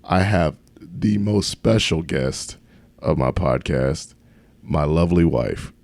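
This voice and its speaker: A man's voice: extremely low pitch, animated, slow pace, gravelly, darkish tone, no room sound. A man chatting casually as a playful podcast host, who pronounces his th sounds as f.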